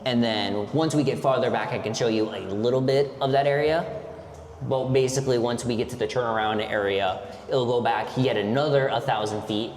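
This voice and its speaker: A man's voice: mid-range voice, steady tone, fairly quick, a little mellow. Echoing cave guide, a man explaining. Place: inside a cave, on a tour boat. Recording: echoey cave, long reverb, background noise.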